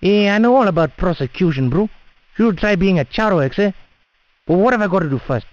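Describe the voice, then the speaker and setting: Speaking high-pitched, expressive and brisk, a man pulls a prank call full of cheeky, rambling slang in a South African Indian English accent. The recording is dry and the phone audio is dull and lo-fi.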